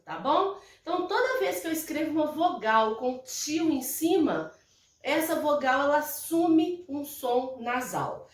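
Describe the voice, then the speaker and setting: A Brazilian woman teaching a recorded lesson to young children, explaining patiently and repeating herself, often checking that her pupils follow. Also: high voice. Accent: Brazilian Portuguese. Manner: slow, patient, repetitive explaining with check-ins. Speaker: primary school teacher. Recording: echoey room, mic at a distance.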